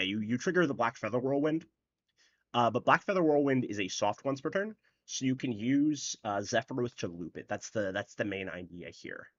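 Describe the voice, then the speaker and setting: A man's voice: fairly low pitch, no echo, muffled recording. A man hosting an online card tournament, talking through each play in a rambling, casual way with lots of fillers. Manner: rambling, filler-heavy, explains plays as he goes. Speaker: tournament host and commentator. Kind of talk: casual live-stream commentary.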